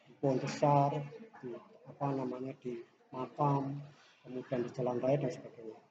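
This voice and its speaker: A man, a clinic therapist explaining his treatments in an interview, unhurried and pausing on fillers. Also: medium pitch, level tone. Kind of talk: casual interview answers. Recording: dull lo-fi audio with background noise.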